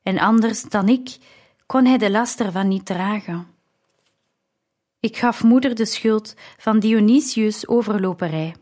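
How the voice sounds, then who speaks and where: Een vrouw die een verhaal in de ik-vorm voorleest als luisterboek, afgemeten en gelijkmatig. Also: female voice, medium pitch, darkish tone. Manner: slow, measured reading. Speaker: audiobook narrator. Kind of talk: scripted narration.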